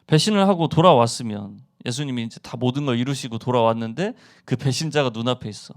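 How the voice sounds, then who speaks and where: A man's voice: medium pitch, lively intonation, fast talker. A male pastor preaching a sermon who keeps asking the congregation questions and answering them himself.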